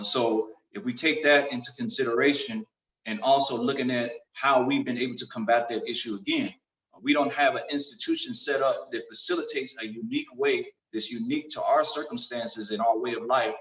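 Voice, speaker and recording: A man speaking as an imam on a panel over a video call, measured and pausing often with fillers. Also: medium pitch, steady tone, a bit bright. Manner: measured, with frequent pauses and fillers. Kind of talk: panel discussion. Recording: roomy video call audio from far off the mic.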